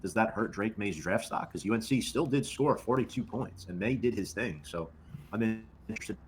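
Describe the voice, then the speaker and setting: A man's voice: low-pitched, a bit bright, slight background noise. A man co-hosting a casual football talk show, recapping games in a laid-back, offhand way. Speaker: co-host.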